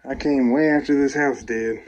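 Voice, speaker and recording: A young man narrating a casual exploring vlog walk-through in an unhurried, musing, plain-spoken way. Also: medium pitch, fairly even intonation, a little mellow, highs cut off. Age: 20s or younger.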